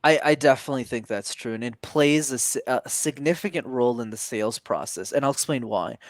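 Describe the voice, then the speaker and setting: A young man, a communication coach, guesting on a podcast and explaining points in an animated, demonstrative way. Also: mid-range voice, a little fast, no room sound. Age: young adult. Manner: animated, demonstrative, shifts energy to make points. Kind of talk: conversational interview.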